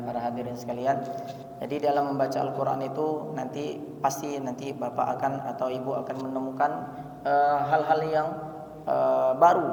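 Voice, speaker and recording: A man's voice: mid-range voice, gravelly, a little mellow, distant mic, slight background noise. A man teaching Quran recitation in a mosque lesson, speaking patiently and chanting verses as examples. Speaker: religious teacher. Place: mosque hall. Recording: roomy, echoey mosque hall from afar, dull lo-fi sound.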